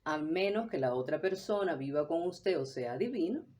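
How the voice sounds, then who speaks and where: A woman teaching a voice workshop in a measured, deliberate way, now and then acting out short examples. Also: low voice, expressive, mellow. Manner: measured, deliberate delivery with brief acted examples. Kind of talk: scripted instructional talk.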